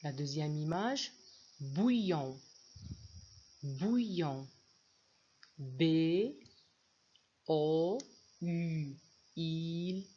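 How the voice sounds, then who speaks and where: A woman teaching young children to read in a phonics lesson, spelling each word out letter by letter in a slow, deliberate way. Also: low-pitched, warm tone, muffled recording, a little hiss or hum. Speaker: reading teacher.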